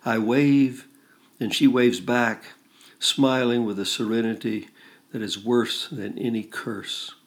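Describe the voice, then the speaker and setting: A man reading literary first-person prose, measured and intense, often dropping to a hush. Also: mid-range voice, steady tone. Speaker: reader.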